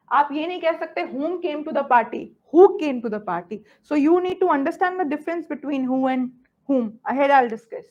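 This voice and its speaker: A woman's voice: high-pitched, lo-fi sound. A woman with an Indian English accent teaching a grammar lesson, often stopping to check that students follow. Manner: switches between Hindi and English, checks understanding often.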